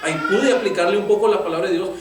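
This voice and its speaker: A high-pitched middle-aged man preaches a conversational sermon, calling his listeners brother again and again and asking "right?" His voice rings around an echoey church and comes from a distance from the mic. A faint hiss runs under it. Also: rapid-fire. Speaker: pastor. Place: church sanctuary.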